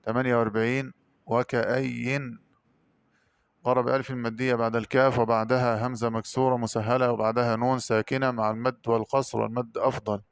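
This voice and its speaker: A man giving a Quran recitation lesson, explaining variant readings quickly and then chanting the words slowly and drawn out. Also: mid-range voice, little pitch movement, clean tone. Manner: brisk spoken explanations alternating with slow, drawn-out chanted words.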